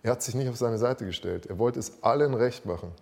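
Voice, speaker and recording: A man's voice: mid-range voice, fairly quick, creaky, darkish tone. A man preaching an earnest, conversational sermon, repeating key phrases for weight.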